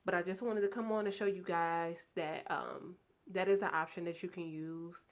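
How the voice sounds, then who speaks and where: A woman casually explaining a craft project step by step, chatty and excited about her materials. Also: fairly low pitch, normal speed. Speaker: craft tutorial host. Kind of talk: casual DIY how-to narration.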